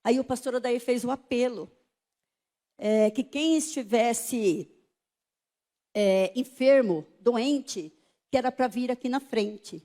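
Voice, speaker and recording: A woman's voice: on the high side, slow, long pauses, mellow. An older woman giving an emotional church testimony, pleading and tearful as she retells conversations, speaking in a church.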